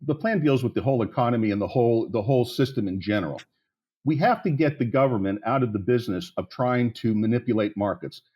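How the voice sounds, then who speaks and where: Speaking fast in a medium-pitched, slightly rough voice, this sixty-something Pittsburgh-area man is a podcast interview guest. He's blunt and candid, rambling and restarting often, and the audio is lo-fi.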